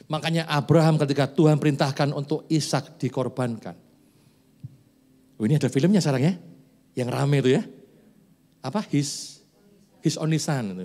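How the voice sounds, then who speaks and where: In a church sanctuary, a pastor in his forties delivers a sermon in a mellow, medium-pitched voice. His style is conversational, with joking asides broken up by pointed, rising questions to the congregation.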